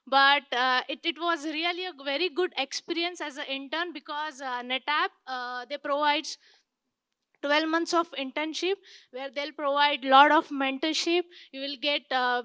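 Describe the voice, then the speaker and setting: High, bright-voiced young Indian-accented woman. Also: no room sound. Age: 20s. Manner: halting, with repeated words and self-corrections. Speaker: conference speaker, tech marketing engineer. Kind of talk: informal lightning talk.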